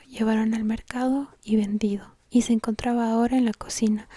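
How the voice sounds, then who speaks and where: A woman reads a story aloud as whispered ASMR, in a soft, breathy whisper very close to the ear, slow and gentle. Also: a little high. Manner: slow, gentle, hushed reading. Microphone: very close to the mic, whispering into the ear.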